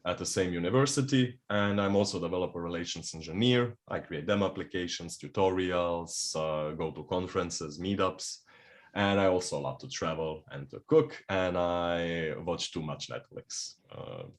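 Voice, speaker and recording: A young man from Croatia opens a technical talk at a meetup. His voice is very low, and he speaks in a relaxed way with light humor and frequent "uh" fillers. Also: moderate pace. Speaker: developer relations engineer, speaker. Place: meetup venue.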